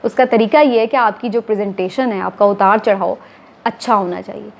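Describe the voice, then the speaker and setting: A woman, a TV anchor calmly explaining to viewers, step by step, how to become a news anchor. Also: medium pitch, brisk, creaky. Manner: steady, explanatory, addressing viewers formally. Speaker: TV anchor giving career advice. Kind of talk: instructional talk to camera.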